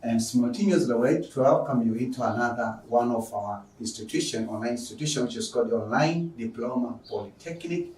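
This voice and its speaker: A man's voice: mid-range voice, fast, hardly any pauses, darkish tone. A man with a Tanzanian accent giving a formal lecture introduction as an online teacher, speaking emphatically and repeating his phrases. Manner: formal, emphatic, repeats phrases, poses questions and answers them. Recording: echoey room, distant microphone.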